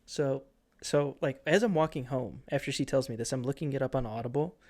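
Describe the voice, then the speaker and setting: A man's voice: medium pitch, fairly quick, a little mellow. A young man co-hosting a podcast, telling stories in a rambling way, full of fillers and restarts. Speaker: podcast co-host. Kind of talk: casual chat.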